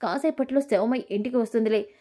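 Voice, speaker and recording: A woman's voice: fairly high pitch, brisk, mellow, close to an everyday voice. A woman voicing a scheming, spiteful young woman who taunts her rival. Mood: taunting. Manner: taunting, sneering.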